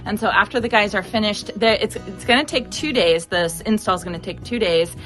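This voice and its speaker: A woman's voice: medium pitch, a little fast, fairly bright tone, soft background music, rough recording. A woman hosting a garden vlog, gushing with breathless enthusiasm as she walks the camera around her garden outdoors. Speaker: garden channel host. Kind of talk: excited vlog walkthrough.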